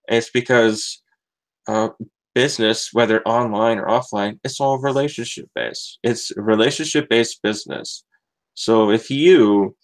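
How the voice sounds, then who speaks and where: A man's voice: medium pitch, poor audio. An American man telling his own story in a casual testimonial, rambling and filling his talk with "like" and "you know". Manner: rambling, heavy use of fillers like "like" and "you know". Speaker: network marketing member sharing his story.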